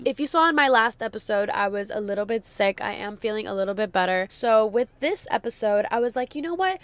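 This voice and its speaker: A woman's voice: mid-range voice, fairly bright tone, clear, resonant tone, no room sound. A young woman hosts a chatty solo podcast from inside a car, with a close, dry sound. She has a mid-range voice and addresses viewers informally, in bubbly, slangy language. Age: young adult. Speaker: podcast host.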